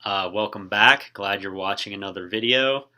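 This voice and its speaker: A man teaching a recorded class in a relaxed way, often pausing with ums and uhs. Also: on the low side. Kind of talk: casual classroom lecture.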